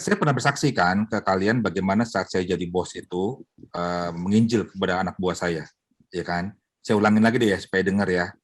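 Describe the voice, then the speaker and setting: A middle-aged man, a pastor, teaching a Bible study in a lively, joking way, acting out wives' prayers. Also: fairly low pitch. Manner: animated, joking, mimics wives praying.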